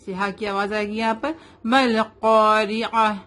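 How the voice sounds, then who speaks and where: A young woman teaching Quran recitation rules, patiently spelling out letters slowly and mixing English into her explanations. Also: medium pitch, level tone, fairly bright tone. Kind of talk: tajweed lesson, slow drilling.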